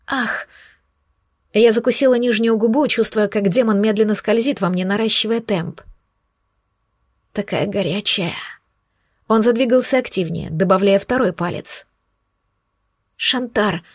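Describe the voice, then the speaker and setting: A woman reading a first-person romance audiobook in a breathy, intimate way. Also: fairly high pitch, a little fast, hardly any pauses, a little mellow, no room sound, studio quality. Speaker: audiobook narrator.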